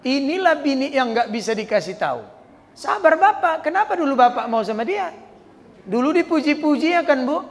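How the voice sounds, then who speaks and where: A man's voice: very high-pitched, normal speed. A male preacher with a Medan accent giving a humorous sermon in a mosque, joking and acting out little scenes. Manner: joking, animated storytelling, acts out characters. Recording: long hall reverb.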